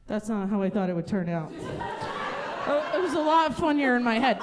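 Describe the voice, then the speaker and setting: Crowd noise surrounds this woman as she works the stage, her slightly high voice sing-song and moderately paced. Her stand-up is chatty and self-mocking, punctuated by loud character bits, and the live audience laughs along.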